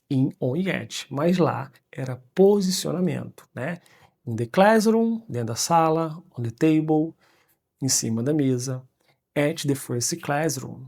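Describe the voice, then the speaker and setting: A man in his thirties, a teacher, explaining grammar with lots of tag questions and slow, careful English examples. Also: a little high, vocal fry, a little mellow, slightly rough. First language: Portuguese. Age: 30s.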